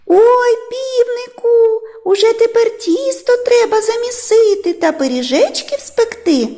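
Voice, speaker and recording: Two tiny carefree mice from a children's storybook pipe up in thin, squeaky voices, as a woman puts them on. The voice sits far above her normal range and stays bright and playful. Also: lively intonation, measured pace. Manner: high squeaky piping.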